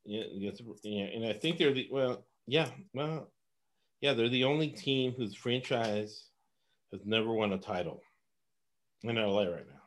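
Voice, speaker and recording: Rambling sports betting man, lowish voice. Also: a little slow. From Los Angeles. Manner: rambling, laughs often. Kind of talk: casual sports betting talk.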